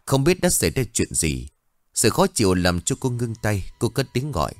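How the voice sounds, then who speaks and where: A man narrating a horror story in a steady, dramatic storytelling manner. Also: lowish voice, moderate pace, no echo, studio quality, soft background music.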